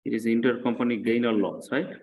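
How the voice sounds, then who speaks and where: A fast-talking accounting lecturer with a steady, darkish, medium-pitched voice explains a worked example in a classroom lecture. He teaches in a didactic manner, repeating the key points and frequently checking in with quick questions.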